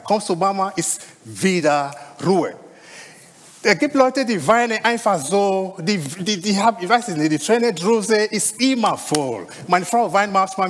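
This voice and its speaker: High, lively preacher in a hall. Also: male voice. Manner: conversational preaching, frequent "ja?" tag questions. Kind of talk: sermon.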